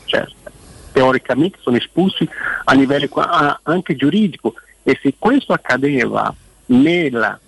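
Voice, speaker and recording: A man's voice: medium pitch, lively intonation, moderate pace, creaky, fairly bright tone, breathy edge, no room sound, rough recording. A man working as a football pundit guest on a radio show, explaining his view emphatically and often repeating words as he goes. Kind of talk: radio phone-in commentary.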